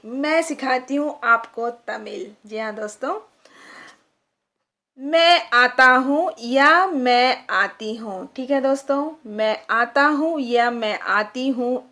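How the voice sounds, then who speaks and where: A woman with a fairly high voice gives a spoken language lesson. She speaks at an unhurried pace and calls her viewers friends. She drills each phrase by saying it over slowly. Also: pushed and bright. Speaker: language teacher.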